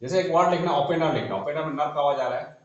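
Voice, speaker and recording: A man's voice: fairly high pitch, fast. Man teaching in an echoey room. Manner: talks while writing on a board, spells letters aloud, trails off softly. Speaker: shorthand teacher. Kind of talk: classroom explanation. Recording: echoey dull room recording.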